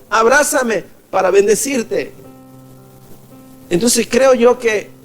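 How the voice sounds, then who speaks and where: A man preaches a sermon in a very high voice, drawing out his words slowly. He addresses the congregation as beloved and voices the figures in his stories. Soft music plays faintly beneath him. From Ecuador. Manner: preaching, calls the congregation "amados", acts out quoted voices. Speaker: pastor.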